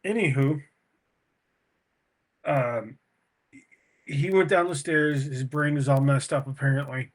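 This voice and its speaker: A man's voice: medium pitch, takes it slowly, long pauses. A man co-hosting a podcast in casual chat, rambling and swearing, prone to tangents. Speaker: podcast co-host.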